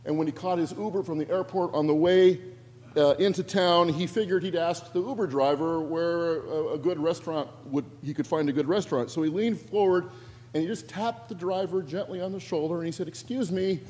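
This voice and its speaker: Pastor preaching in a reverberant sanctuary. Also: male voice, on the high side, brisk. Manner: animated storytelling with quoted voices and humor. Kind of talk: sermon. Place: church sanctuary. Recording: long reverb of a church sanctuary.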